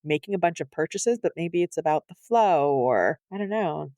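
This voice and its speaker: A woman's voice: low voice, expressive, normal speed, mellow, no echo, clean studio sound. A middle-aged woman talking conversationally as a co-host on a casual podcast.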